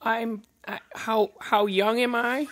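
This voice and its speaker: A man's voice: extremely high pitch, steady tone, takes it slowly, a bit bright, heavily acted. A man voicing a chatty, muddled, lonely old lady in a prank call, rambling and hesitant. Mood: chatty, sweet. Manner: rambling, hesitant, sweetly doddering. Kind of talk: improvised prank phone call. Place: small indoor room at home. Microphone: phone camera at arm's length.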